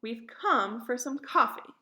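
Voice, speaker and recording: A determined colonial woman delivers firm threats, read by a woman in a classroom play. The tone is bright, with a fairly high voice. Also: expressive, measured pace, heavily acted.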